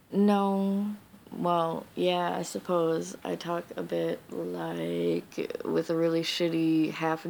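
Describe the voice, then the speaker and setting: Sleepy, gravelly young woman from Wisconsin. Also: lowish voice, a little mellow, a little hiss or hum. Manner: sleepy and mumbling, lying in bed late at night. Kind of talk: casual accent challenge audio post. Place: bedroom, in bed.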